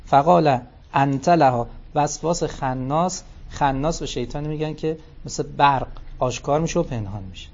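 A man with a somewhat high voice, recorded with a muffled, lo-fi sound, teaching scripture. He intones the sacred text and then drops into plain talk to explain it. His delivery has the steady rhythm of a lecturer. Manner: recites in Arabic, then explains in casual speech. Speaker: religious lecturer. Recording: dull lo-fi recording.

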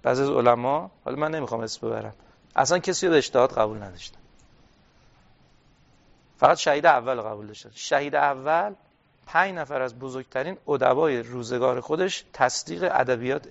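A man's voice: mid-range voice, creaky. A man teaching a class on scripture commentary, reading Arabic passages aloud and explaining them step by step, putting questions to his listeners and answering them himself. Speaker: religious studies teacher. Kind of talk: classroom lecture on Quranic exegesis. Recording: dull lo-fi recording.

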